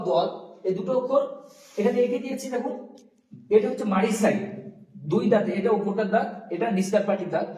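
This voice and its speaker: A man with a high voice teaches Arabic pronunciation. He draws out each letter and repeats it so learners can copy. He sounds far from the mic in a roomy, echoing space. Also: a little mellow. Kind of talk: pronunciation lesson.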